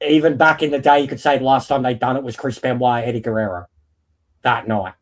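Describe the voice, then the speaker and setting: A man's voice: medium pitch, steady tone, fast talker. A man in a casual, opinionated wrestling chat, talking in an emphatic, rambling, sweary way. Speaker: wrestling podcast panellist.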